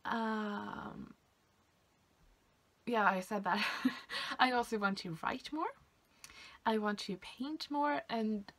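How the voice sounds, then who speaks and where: Talking her way through a craft album in a casual show-and-tell, this young craft vlogger from Sweden speaks hesitantly with a Swedish accent and lots of fillers. Her medium-pitched voice is a bit bright, slow, and broken by long pauses.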